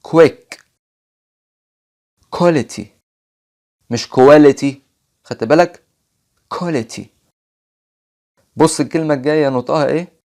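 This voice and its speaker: Egyptian man teaching English sounds. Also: a little high. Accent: Egyptian Arabic. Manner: patient, repeats example words slowly. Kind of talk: phonics lesson.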